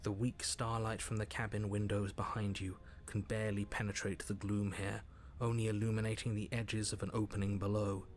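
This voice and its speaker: Measured and faintly sardonic, a man's voice on the low side performs the calm, wry narrator of a dark video game. The acting is light.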